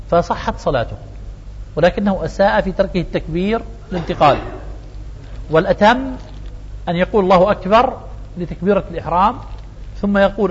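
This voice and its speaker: A man teaches a religious lesson in a quick, high-pitched voice. He explains each point step by step, asking his listeners questions and answering them. The recording is dull and lo-fi, with long hall reverb. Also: slight background noise.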